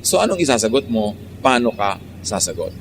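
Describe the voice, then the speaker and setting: Filipino pastor preaching in a reverberant hall. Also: male voice, fairly low pitch. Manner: switches between calm, slow teaching and sudden lively mock-quotes. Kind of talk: sermon. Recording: long hall reverb, faint traffic noise.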